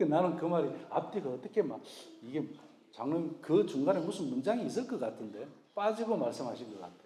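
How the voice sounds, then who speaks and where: A man's voice: on the high side, very animated, fast, dark tone. A male pastor preaching a sermon in a conversational way, acting out prayers and God's replies in his own voice. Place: church sanctuary. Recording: echoey church hall.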